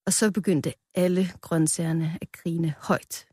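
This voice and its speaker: A woman reading a children's story aloud in a calm, playful storytelling manner, close to the mic. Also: low-pitched, slightly rough, dry recording.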